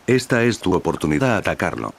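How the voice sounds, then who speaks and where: A man's voice: deep voice, very animated, gravelly, exaggerated voice. A man reading as an urgent, anxious deity. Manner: hurried, urgent. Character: anxious male deity urging action.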